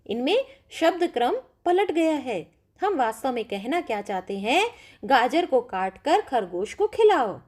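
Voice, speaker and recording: Woman teacher w/ a high voice going over grammar, asks the kids questions as she goes. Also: big pitch swings, measured pace, a little mellow. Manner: explains step by step with questions to pupils. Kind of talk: classroom grammar lesson.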